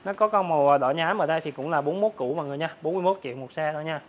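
Fast-talking, higher-voiced man doing a hard-sell pitch. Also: lo-fi sound, a little hiss or hum. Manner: hard-sell, repetitive price listing addressed to viewers. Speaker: motorbike dealer presenting his stock. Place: large open-sided metal-roofed motorbike warehouse.

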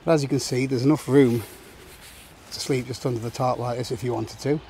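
A man in his forties calmly talking through a camping setup, step by step, in an open meadow outdoors. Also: mid-range voice, brisk, a little hiss or hum. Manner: plain, matter-of-fact instructional talk. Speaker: outdoor gear vlogger.

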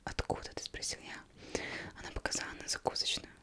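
A young woman reading a novel aloud as ASMR in a breathy, unvoiced whisper, very close, as if right in the listener's ear. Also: a little fast. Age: young adult. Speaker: ASMR reader. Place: indoors, plain studio backdrop. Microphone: close microphone.

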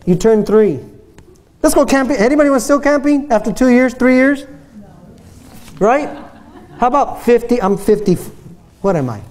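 A man in his fifties, a pastor preaching a playful, animated sermon on a church stage into a headset mic, often asking the congregation questions. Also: extremely high pitch, moderate pace, long pauses. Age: 50s. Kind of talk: sermon with a tent prop.

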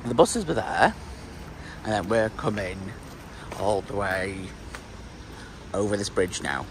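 A man's voice: on the low side, lively intonation, slow. A man in his forties from the UK, chatting to a handheld camera while walking through a city. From United Kingdom. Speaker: travel vlogger. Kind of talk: casual travel vlog. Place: outdoors on city streets. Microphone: handheld phone camera at arm's length. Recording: street noise behind. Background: street and traffic noise.

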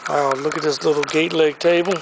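Slightly fast and gravelly, a man's highish, steady voice leads an enthusiastic preview of items for sale in a large indoor auction warehouse. He films on a handheld camera while walking, against a noisy background.

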